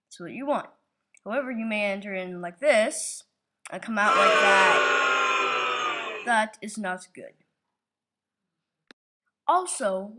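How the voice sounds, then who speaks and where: A woman's voice: on the high side, pushed and bright, heavily acted. A woman voicing a fussy, prim male protocol droid who reviews a gym in a homemade toy video, often saying "oh my". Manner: prim, easily flustered, says "oh my".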